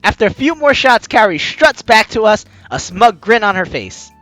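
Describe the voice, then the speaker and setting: Big swings in a medium-pitched voice carry this let's player's teasing jokes and story narration at a moderate pace. The tone is a bit bright, there's no room sound, and game music plays in the background.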